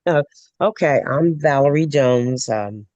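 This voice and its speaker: A woman's voice: a bass voice, slow, a little mellow, no echo, lo-fi sound. Woman telling her story on a call. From Ohio, USA. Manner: talkative, loose storytelling with many fillers. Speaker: webinar participant. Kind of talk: casual conversation. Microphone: video call.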